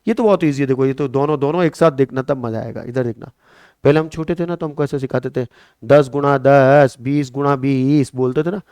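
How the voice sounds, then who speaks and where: Male exam-coaching teacher, Marwari-tinged Hindi accent, mid pitch, dry close sound, keeps asking and answering his own questions. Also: fast, dry recording. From Rajasthan, India. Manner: lively, repeats questions to students and answers them. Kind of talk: classroom lecture with memory tricks.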